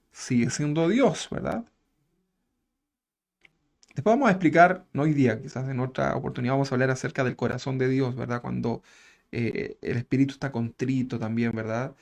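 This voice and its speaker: A man preaching a sermon in a relaxed, conversational way, chuckling as he tells a story and tagging his phrases with questions. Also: mid-range voice. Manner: conversational, tag questions after nearly every phrase; chuckles while telling a story.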